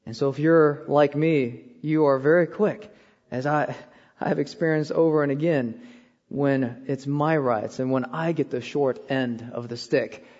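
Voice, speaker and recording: A man's voice: medium pitch, a little slow, darkish tone, long reverb tail, lo-fi sound. A man, preaching a sermon as pastor and telling self-deprecating stories with frequent "okay?" asides. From born in Korea, raised in Iowa. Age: 30s.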